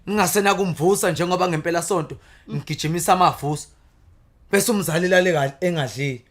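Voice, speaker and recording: A man's voice: sits high, fast talker. A man with a Zulu accent reciting praise poetry in an impassioned, declamatory torrent. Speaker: guest, praise poet.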